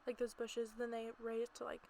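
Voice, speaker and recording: A slightly high, gravelly, darkish voice with completely flat delivery moves at normal speed as she casually rambles and giggles over gameplay footage. The amateur creator records in a small closet at home, and there's noticeable background noise.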